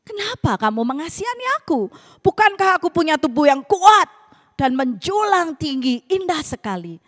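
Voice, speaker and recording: A woman's voice: sits high, very animated, normal speed, pitched above the performer's own voice. A woman voicing a proud, boastful coconut tree in a sermon story. The tree lectures and brags in a self-important way. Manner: bragging, scolding, self-important. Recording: reverberant church hall.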